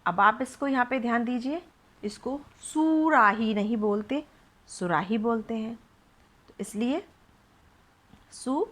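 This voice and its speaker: A woman's voice: fairly high pitch, normal speed, a bit bright. A woman teaching young children to read, spelling words out syllable by syllable with patient questions. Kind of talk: children's phonics lesson.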